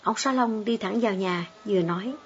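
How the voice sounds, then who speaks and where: A woman narrating a storybook in a steady, measured way. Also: medium pitch. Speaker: audiobook reader. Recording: dull lo-fi audio with faint background music.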